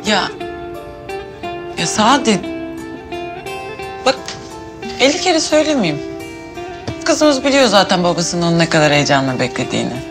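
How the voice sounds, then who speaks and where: An actress playing an excitable, quick-tempered pregnant housewife who talks to herself a lot. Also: female voice, on the low side, over music. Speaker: pregnant wife. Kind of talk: TV drama acting.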